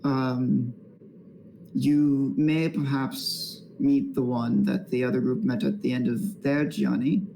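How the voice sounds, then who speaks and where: A man voicing the formal, measured queen of a dragon isle in a tabletop game, speaking with some hesitation. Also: mid-range voice, level tone, creaky, background noise.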